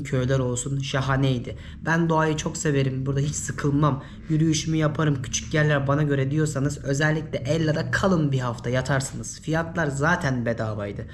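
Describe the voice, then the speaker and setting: Hoarse male travel vlogger, voice giving out. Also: medium pitch. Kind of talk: informal travel advice to camera. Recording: noisy ambient background.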